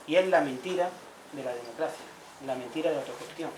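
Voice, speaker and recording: A man's voice: on the high side, quick pace, noisy background. A man giving a public talk, telling stories and acting out the voices of the villagers he quotes. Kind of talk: public talk, anecdotal lecture. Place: squatted social centre hall. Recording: echoey room, voice from far off.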